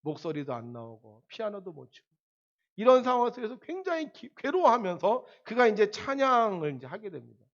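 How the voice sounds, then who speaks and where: A male pastor preaching a Sunday sermon, his voice pitched high and swinging widely as he tells a story. He shifts from loud, emphatic peaks to quiet asides. The sound is dull and lo-fi. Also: big pitch swings, brisk.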